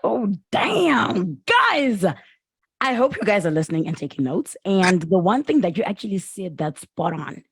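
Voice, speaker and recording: A woman's voice: medium pitch, big pitch swings, normal speed, slight background noise. A young woman, hosting a casual interview, speaking expressively and often laughing and murmuring agreement. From Zimbabwe. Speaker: radio podcast host.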